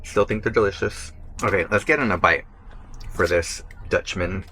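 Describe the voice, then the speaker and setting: Young guy vlogger: low pitch, bright forceful tone, easygoing chatter while eating; faint room noise. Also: moderate pace. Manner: chatty, eating between sentences, talking with mouth full. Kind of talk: casual vlog talk to camera while eating. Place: burger restaurant.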